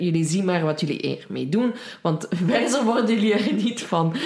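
A woman with a Flemish accent, a podcast co-host, reads a listener's email aloud in a lively way and laughs between sentences. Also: lowish voice, roomy sound.

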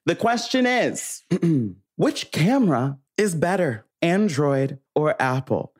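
A man captaining a team on a debate show, teasing and quick with interjections. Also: fairly high pitch, big pitch swings, darkish tone, slightly rough, faint music behind. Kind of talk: joking banter.

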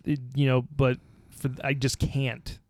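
A man's voice: medium pitch, little pitch movement, a little slow, no echo, studio quality. An easygoing man in casual conversation, telling personal stories with jokes and some swearing. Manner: easygoing storyteller, joking, profane. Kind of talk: casual podcast chat.

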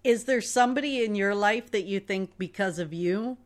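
A woman's voice: medium pitch, moderate pace. Curious, giggly woman interviewer. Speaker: podcast co-host. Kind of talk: casual interview chat.

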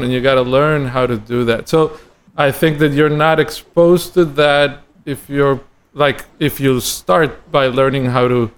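A man from Costa Rica, a guest drummer and educator, talking in a thoughtful, halting way with many restarts in a casual podcast conversation. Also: medium pitch, clear, resonant tone.

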